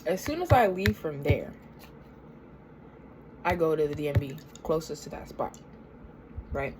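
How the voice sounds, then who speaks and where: A woman's voice: deep voice, big pitch swings, measured pace, background noise. An American woman in her twenties telling a casual, rambling, sweary complaint while eating, talking with her mouth full. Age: 20s. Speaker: vlogger.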